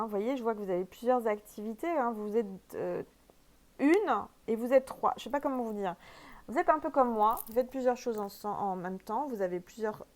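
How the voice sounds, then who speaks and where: A woman's voice: medium pitch, a little mellow. A woman with a French accent doing a casual spiritual oracle card reading, chatty and emphatic, with many fillers.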